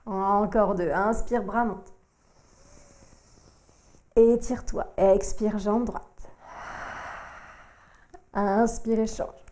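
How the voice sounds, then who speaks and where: A woman, working as a yoga teacher, calmly cueing breath and movement through a core workout. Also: mid-range voice. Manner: calm, slow cueing of breath and movement, addressing the listener informally.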